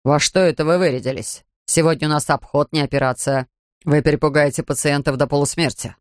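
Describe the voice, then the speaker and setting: A man voicing a pompous older male surgeon, gruff and sarcastic. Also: a little high, fairly even intonation, a little fast, no echo, studio quality, pitched below the performer's own voice, natural voice.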